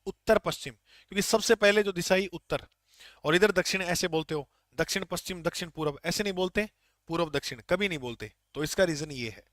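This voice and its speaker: A man's voice: high voice, fairly quick, a bit bright, no echo, studio quality. A man teaching an online geography class, repeating key points and quizzing his students.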